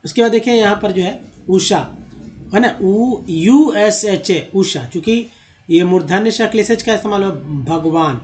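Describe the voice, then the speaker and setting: A man's voice: high-pitched, normal speed. A man teaching, spelling names letter by letter, repeating each word and addressing viewers as friends. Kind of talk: explaining Hindi-to-English spelling on a board.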